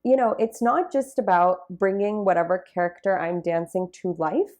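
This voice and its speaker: A woman's voice: medium pitch, steady tone, moderate pace, darkish tone. A young woman being interviewed about her dance journey, talking in a reflective, casual way with many fillers. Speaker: interview guest, Bharatanatyam dancer.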